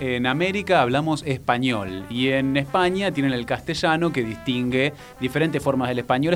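A man with a Rioplatense Argentine Spanish accent explains something like a teacher, patient, calm and methodical. His mid-register voice pauses on frequent "eh" fillers and adds "¿no?" tags as he builds the explanation. Faint music plays underneath.

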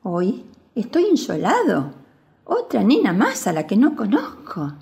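A woman voicing a shy young colt in a children's storybook, speaking in a low, hushed, aloof way. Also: wildly swooping pitch, unhurried, gravelly, full character voice. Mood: wary.

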